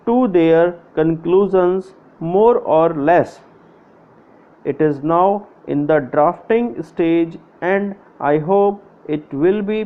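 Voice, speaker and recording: A man dictating a formal speech for shorthand practice, reading in measured, separated phrases. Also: high voice. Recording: narrow, phone-like lo-fi sound.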